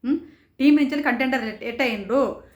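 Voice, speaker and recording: A woman reviewing a reality show in rapid, indignant commentary, firing off rhetorical questions. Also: high-pitched, echoey room. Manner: rapid, rhetorical, indignant, quotes others in raised voices. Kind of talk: passionate commentary.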